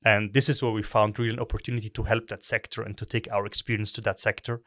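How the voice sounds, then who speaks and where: Low-voiced Egyptian-born man explaining calmly. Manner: measured, explanatory, with repeated restarts. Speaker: guest, tech company co-founder. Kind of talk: podcast interview.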